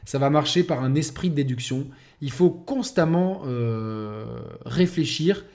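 A man's voice: a little high, measured pace, a little mellow. A man reviewing a video game in a casual, rambling way, often restarting his sentences. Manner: rambling, many restarts and fillers.

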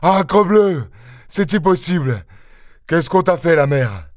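A man voicing a gruff, hot-tempered older farmer who blusters and shouts, recorded dry. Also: medium pitch, normal speed, dry recording, lightly acted. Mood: alarmed.

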